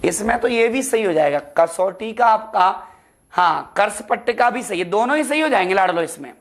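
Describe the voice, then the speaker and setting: At normal speed and with lively intonation, a high-pitched male teacher drills students in Hindi for an exam. He refers to them as "beta" and "ladlo" and regularly asks questions only to answer them himself.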